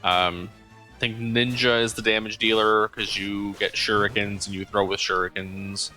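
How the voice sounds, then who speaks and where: A man gives casual commentary while playing a video game, stopping often for ums and uhs as he thinks aloud. His voice is fairly low but bright and forceful. Soft game music plays behind him. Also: level tone, moderate pace. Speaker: let's play host.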